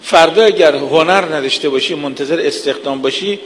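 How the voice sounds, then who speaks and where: A man's voice: on the high side, slight background noise. A man giving an earnest sermon, lecturing with vivid everyday examples. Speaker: preacher. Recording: long hall reverb.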